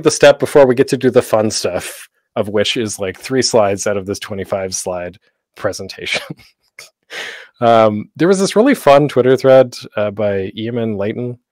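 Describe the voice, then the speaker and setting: A man hosting a convention panel as an online presentation, explaining with frequent um fillers and sometimes speaking in a deliberately staccato way into a gated desk microphone. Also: medium pitch, no room sound, clean studio sound. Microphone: desk microphone with a noise gate.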